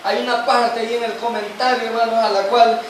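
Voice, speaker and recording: A man teaches a Bible study lesson in a church, constantly quizzing the congregation and calling them brothers. His voice is extremely high, flat, and fairly quick, recorded from a distance in an echoey hall with a slight hiss or hum.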